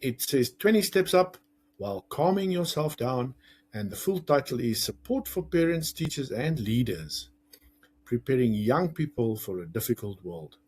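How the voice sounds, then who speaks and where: A man with a South African accent giving a lively, conversational talk to parents, explaining ideas with jokes and acted-out examples. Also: mid-range voice, normal speed, slightly rough. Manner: lively, conversational, jokes and acts out quoted lines. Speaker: parenting coach and teacher. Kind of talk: educational talk to camera.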